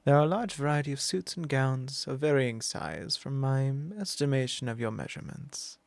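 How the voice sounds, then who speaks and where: A man voices a commanding, possessive male vampire lord for ASMR roleplay, his delivery low, slow and intimate and frequently whispered. The voice is creaky and the recording is dry.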